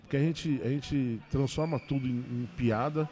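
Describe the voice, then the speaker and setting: A man, a stand-up comedian, telling a personal story in a casual interview, with quick emotional restarts. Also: mid-range voice, warm tone, a little hiss or hum. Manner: fast, emotional retelling with many restarts.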